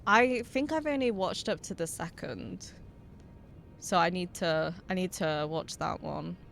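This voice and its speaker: A woman's voice: on the low side, a little slow, vocal fry, fairly bright tone, soft background music. A young woman streaming a game, chatting casually with viewers, laughing often, swearing and reading out their messages. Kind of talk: casual live-stream chat while gaming.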